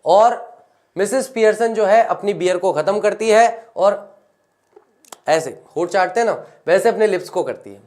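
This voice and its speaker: A woman's voice: medium pitch, lively intonation, a little mellow. A woman, teaching English by reading a play's stage directions aloud and explaining each line in Hindi. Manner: reads English lines slowly, then paraphrases them in Hindi.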